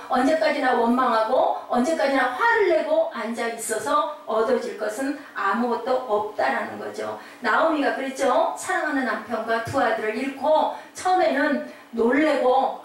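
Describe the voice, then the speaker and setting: A woman's voice: sits high, a little hiss or hum. A woman pastor preaching a Sunday sermon, asking her congregation questions and acting out the voices of grieving people. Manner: asks the congregation many questions, acts out quoted voices. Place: small church hall. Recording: echoey hall, voice from far off.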